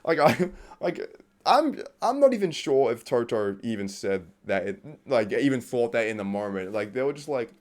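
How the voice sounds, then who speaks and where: A man's voice: mid-range voice, very animated, normal speed. A man ranting off the cuff in a profane, exasperated way, laughing at times and reading from his notes as he talks. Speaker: vlogger. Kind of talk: unscripted rant about a TV series.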